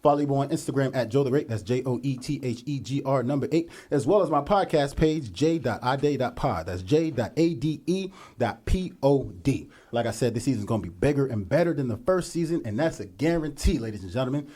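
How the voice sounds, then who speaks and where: Fast-talking hype podcast host man. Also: medium pitch. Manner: hype, slangy, animated. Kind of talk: casual podcast chat.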